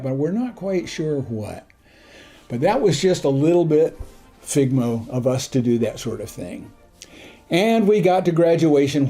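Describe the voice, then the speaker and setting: An older man telling personal stories from his past in a gentle, unhurried way with soft chuckles. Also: a little high. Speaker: tutorial channel host. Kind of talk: reminiscing storytelling.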